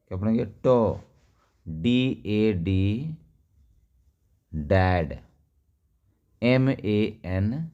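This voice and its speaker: A man's voice: on the low side, warm tone. A man teaching English reading in a lesson. He spells each word letter by letter, asks what it reads as, and then answers himself. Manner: asks the listener questions, then answers them. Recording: dull lo-fi recording.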